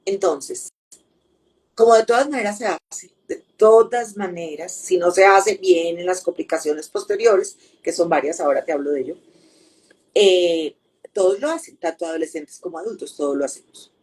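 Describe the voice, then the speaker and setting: Husky-voiced woman explaining patiently. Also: fairly low pitch, moderate pace, darkish tone. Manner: patient, teacherly, uses repetition and examples. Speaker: grief counselor. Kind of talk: explanatory interview answer.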